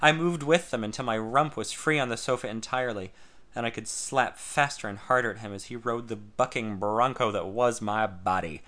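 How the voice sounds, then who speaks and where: A man reads a first-person story aloud. His voice is bright and forceful, and his delivery is measured and intimate. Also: medium pitch.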